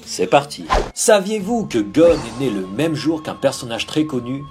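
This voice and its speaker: Man, playful youtuber narration, animated pitch, background music. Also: unhurried. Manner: lively, playful delivery with rhetorical questions. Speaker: anime trivia youtuber. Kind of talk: energetic scripted vlog narration. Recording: music bed under the voice.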